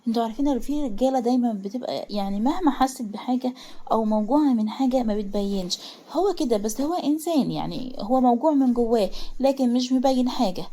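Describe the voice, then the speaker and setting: Fast-talking Egyptian woman storyteller. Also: on the high side, warm tone. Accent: Egyptian Arabic. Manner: chatty, quick retelling with asides to listeners. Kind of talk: casual storytelling narration.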